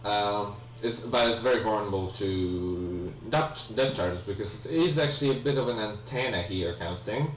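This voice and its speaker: His voice is on the low side, his pace moderate with few pauses, as this young let's-play gamer talks through his game. He's a native Polish speaker with a Polish accent and comes across hesitant and apologetic, prone to ums and restarts. A distant mic, an echoey room and a faint hum define the sound.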